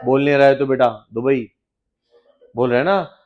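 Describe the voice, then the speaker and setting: A man teaching biology in a classroom, firing questions at students and teasing them, with quick low asides. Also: lo-fi sound. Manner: quizzes students with repeated questions, teasing and joking. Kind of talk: lively classroom lecture.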